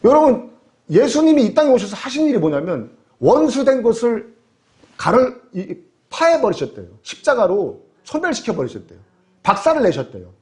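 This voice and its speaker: A man's voice: very high voice, sing-song, normal speed, darkish tone. A man preaching a sermon as pastor, telling stories animatedly and throwing rhetorical questions to the congregation.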